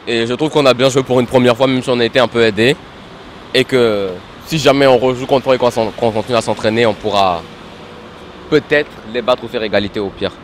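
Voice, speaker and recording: A man's voice: medium pitch, slight background noise. A man answering an interview as a rugby player, speaking steadily and fairly fluently once he gets going.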